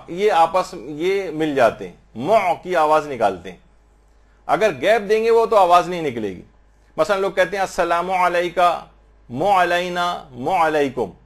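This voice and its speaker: A man giving a religious lesson on prayer, patiently explaining and slowly drawing out Arabic phrases to show correct pronunciation. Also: high-pitched. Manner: slow drawn-out demonstrations of Arabic pronunciation. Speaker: religious teacher.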